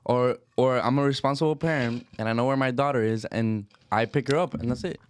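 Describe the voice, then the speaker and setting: A man's voice: medium pitch, steady tone, a little fast, smooth. A man code-switching in Spanglish as he argues casually and defensively as a podcast guest. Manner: code-switching Spanglish, English mixed with Spanish; defensive, argumentative, informal. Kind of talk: casual debate chat.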